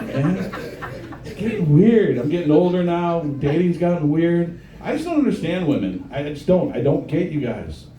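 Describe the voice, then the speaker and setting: A man's voice: a little high, dark tone. A middle-aged man doing a crude, punchy stand-up comedy set and bantering with the crowd in a comedy bar. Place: comedy bar with a live audience. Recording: roomy live club sound from a distance. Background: audience laughing.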